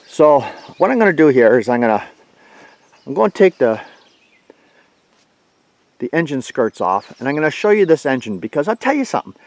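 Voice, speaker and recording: A man's voice: on the high side, sing-song, moderate pace, long pauses, dry recording. A man giving a blunt, folksy, plainspoken walkaround review of his tractor outdoors. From Canada.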